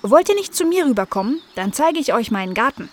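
An eager young female dog in a children's storybook, raised and bright in pitch, bossy when her guests misbehave, as a woman reads her. She talks in warm, firm bursts. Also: very animated, quick pace. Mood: friendly. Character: friendly young female dog, garden owner.

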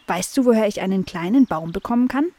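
A woman's voice: mid-range voice, lively intonation, fast talker, warm tone, no echo, natural voice. A woman voicing a curious, cheerful young female dog in a children's audio story, talking eagerly.

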